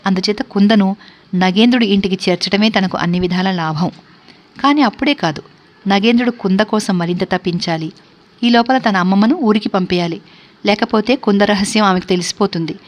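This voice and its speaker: A woman storyteller narrating a classic novel in a steady, measured reading voice. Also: mid-range voice.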